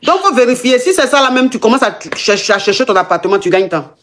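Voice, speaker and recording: A woman's voice: a little high, sing-song, fast, fairly bright tone. A woman hosting as a relationship coach, giving informal advice emphatically and repeating phrases for effect. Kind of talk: informal advice on a live call-in show.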